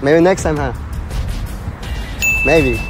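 Loud coaxing man by a car. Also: a little high, slow, over music. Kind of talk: casual chat.

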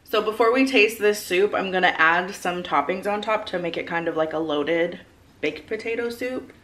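A woman's voice: on the low side, moderate pace, fairly bright tone. A woman in her thirties giving casual cooking instructions to viewers in her home kitchen. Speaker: home cook and vlogger. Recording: clear frying and kitchen noise. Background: sizzling food, stirring.

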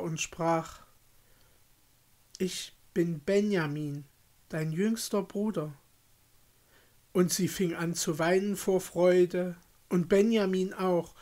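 A man reading a fairy tale aloud as a storyteller, calm and measured. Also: high-pitched.

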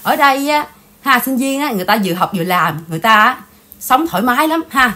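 A woman host from Vietnam chats in a casual gossip commentary style. She sounds indignant and talkative, often turning to speak straight to her viewers. Her voice sits a touch higher than most women's. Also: lively intonation, fast, bright, forceful tone. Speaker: channel host.

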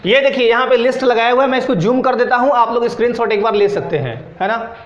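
A man with a high-pitched voice teaches an exam-prep grammar class. He dictates word pairs and keeps checking in with students through short tag questions. He sounds like he is in a room with plenty of echo. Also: quick pace, dull audio. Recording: echoey room.

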